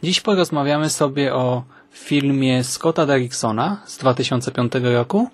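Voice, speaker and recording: A man's voice: medium pitch, normal speed. A man hosting a conversational film podcast. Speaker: podcast host.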